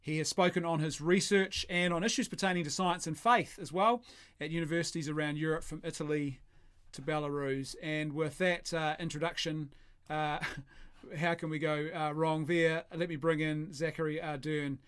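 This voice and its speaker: A New man hosts a casual online show with a smooth, clear voice pitched a little high. He chats easily, laughs at himself and restarts sentences as he goes. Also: fairly even intonation, moderate pace, a bit bright. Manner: chatty, self-deprecating, stumbles and restarts. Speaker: host. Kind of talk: casual interview chat.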